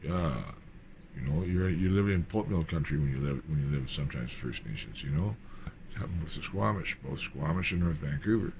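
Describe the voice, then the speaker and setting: An older man talks in a loose, digressive monologue, pitched very low in his throat. He drifts between thoughts with plenty of fillers. His cheap mic picks up a clear bed of noise behind the voice. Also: lively intonation, normal speed, a little mellow. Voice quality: very deep voice. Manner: rambling, digressive, full of fillers. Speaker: vlogger. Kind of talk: rambling monologue.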